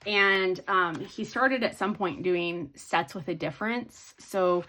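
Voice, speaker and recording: A woman's voice: fairly low pitch, takes it slowly, pushed and bright. A woman chatting casually in a hobby haul video, rambling with many ums and restarts. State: sleepy, yawning. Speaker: hobby vlogger.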